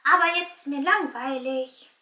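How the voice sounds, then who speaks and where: A very high, bright little sock puppet played by a woman for a children's show, childlike and easily bored. It speaks in a plaintive, excitable way, eager for anything new, in a slightly roomy home recording. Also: normal speed.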